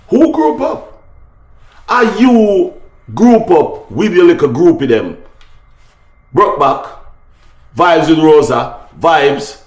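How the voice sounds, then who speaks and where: An online talk show host with a Jamaican accent speaks in a mid-range voice, and the recording sounds roomy. He offers casual opinion talk to his viewers, speaking emphatically and repeating phrases.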